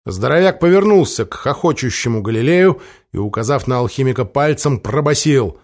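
A man narrating a fantasy audiobook in a measured, descriptive storytelling manner. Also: medium pitch, expressive. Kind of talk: scripted fiction narration.

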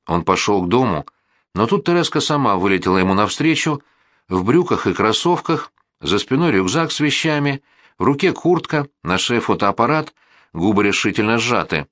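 Male audiobook narrator, deep voice, dry close sound, even delivery. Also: normal speed, dry recording.

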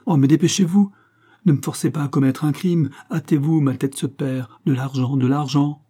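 A man's voice: mid-range voice, moderate pace, dark tone, slightly rough, close to an everyday voice. A man voicing a starving young workman who pleads in breathless outbursts. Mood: desperate. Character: starving young male worker, desperate and proud.

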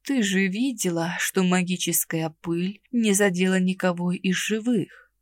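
A woman voicing a haughty, mocking male necromancer in an audiobook, with a slow, languid, predatory drawl. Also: fairly low pitch, no echo, clean studio sound, close to an everyday voice. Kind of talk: audiobook character reading.

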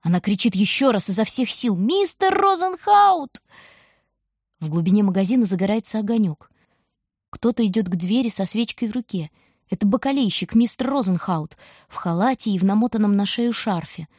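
A woman narrating a storybook audiobook in a vivid, expressive way. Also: mid-range voice, brisk, slightly rough, no echo, clean studio sound.

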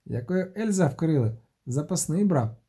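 Brief: blunt young soldier, slangy and jumpy, low husky tone, read by a male narrator. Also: lively intonation, moderate pace, warm tone.

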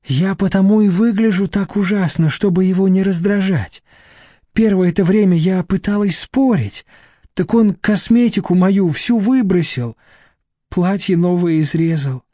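Guy doing a scared young woman in an audiobook, whiny pleading voice pitched up, dry close sound. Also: measured pace, warm tone, no echo. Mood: plaintive. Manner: plaintive, pleading. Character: timid young woman, fearful and self-pitying.

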